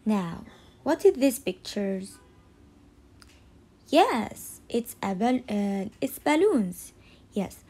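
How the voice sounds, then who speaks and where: A woman's voice: medium pitch, very animated, extremely slow, pauses often, mellow, husky. A woman teacher teaching a young child to count, using simple short phrases, prompting questions and stressed key words. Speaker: kindergarten teacher. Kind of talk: early-years counting lesson for children. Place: voice-over on a screen-recorded slide lesson.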